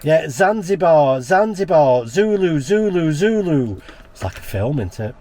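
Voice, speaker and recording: A British man with a fairly high, darkish-toned voice talks in a very animated but unhurried, chatty way on a portable radio outing. An amateur radio operator and vlogger, he mixes casual vlog talk with radio contact exchanges, spelling things out in the phonetic alphabet.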